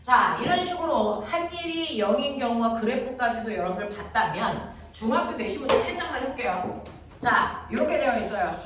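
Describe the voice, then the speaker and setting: A woman teaching a physics class, constantly checking that students follow with quick questions. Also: fairly high pitch, animated. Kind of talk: classroom lecture. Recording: very echoey room, distant mic, audible noise.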